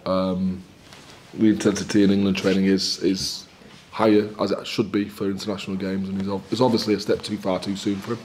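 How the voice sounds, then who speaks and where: A man in his forties, a rugby head coach answering post-match questions at a press conference in a candid, measured, upbeat way. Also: low-pitched, flat delivery, a little mellow, a little hiss or hum. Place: small indoor press room in front of a sponsor backdrop.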